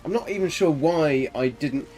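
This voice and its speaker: A game streamer with a soft, slightly high voice talks at a normal pace, chatting casually to his viewers and muttering to himself as he plays. Faint music sits in the background of this relaxed live gameplay commentary.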